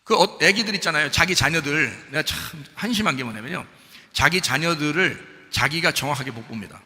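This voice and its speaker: Male pastor preaching, bright forceful voice, fairly high, bursts of loud urging then quiet asides; hall reverb. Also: animated, fairly quick. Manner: emphatic, rhetorical questions, swings between loud urging and quiet asides. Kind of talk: sermon. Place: church sanctuary.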